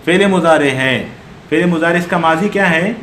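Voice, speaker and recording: Higher-voiced man teaching grammar in an echoey room. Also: moderate pace, a bit bright, slight background noise. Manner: quizzes students, corrects patiently. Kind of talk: online Arabic grammar class.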